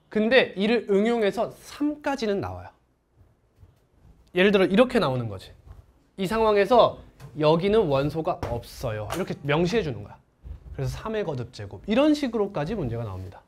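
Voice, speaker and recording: A male math teacher giving a classroom lecture, who keeps asking the class questions and then answers them himself. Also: on the high side.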